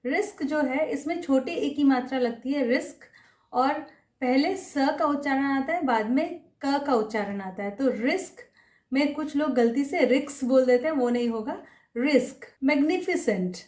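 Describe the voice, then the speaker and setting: A woman teaching pronunciation in a slow, deliberate lesson, carefully repeating each word. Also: sits high, darkish tone, roomy sound, far from the mic. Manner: repeats each word carefully, mixing Hindi with English terms.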